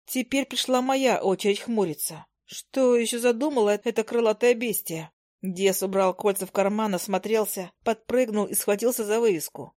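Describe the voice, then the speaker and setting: A woman narrating a first-person fantasy story as an audiobook, lively storytelling. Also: medium pitch, dry recording, clean studio sound.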